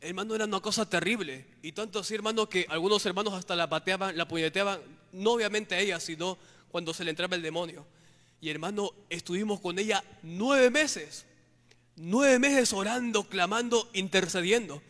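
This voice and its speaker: A man preaching fervently, his voice high and bright. He keeps turning to his listeners as brothers while telling his testimony. The sound rings with the long echo of a church hall. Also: brisk. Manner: fervent, calls listeners "hermano" constantly. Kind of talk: testimony sermon.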